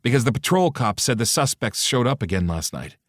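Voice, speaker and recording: Brief: man playing a curt, barking boss, raised and sharp. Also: medium pitch, very animated, a little fast, no echo, studio quality, pitched above the performer's own voice. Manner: barking, hissing orders. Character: bossy male team leader, sharp temper.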